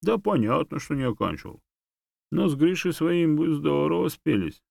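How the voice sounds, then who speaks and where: A mocking, know-it-all female monkey with a raised, lively voice, as a male audiobook reader puts her on. She needles her friend in a sharp, teasing tone, and the voice sits close and dry with no room around it. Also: a little high, moderate pace, vocal fry, no room sound, pitched above the performer's own voice, exaggerated voice.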